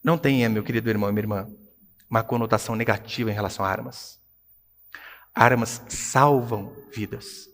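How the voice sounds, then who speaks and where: A Brazilian pastor, a man, delivers a sermon with a Brazilian Portuguese accent. His voice sits slightly high for a man and moves between hushed remarks and loud, emphatic lines. A long hall reverb trails each phrase. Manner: animated preaching, swinging between hushed and loud. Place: church hall.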